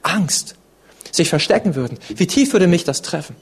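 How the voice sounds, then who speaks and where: Guy preaching, earnest and dramatic, slightly husky voice, goes quiet a lot then pushes up. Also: sits high, very animated, normal speed. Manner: earnest, dramatic swings from loud to hushed. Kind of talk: sermon.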